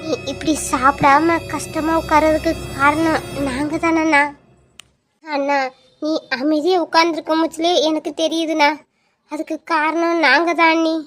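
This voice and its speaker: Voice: high voice, level tone, normal speed, fairly bright tone, faint music behind. A young performer voicing a tender younger sister who earnestly pleads with her older brother in an amateur audio drama. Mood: pleading. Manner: earnest, pleading, tearful at times.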